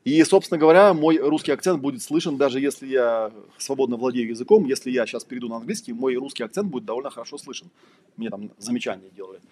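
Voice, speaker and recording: A Russian-speaking lecturer and trainer rambles conversationally through an informal talk, spinning anecdotes wryly. His voice is mid-range, fast and a little mellow.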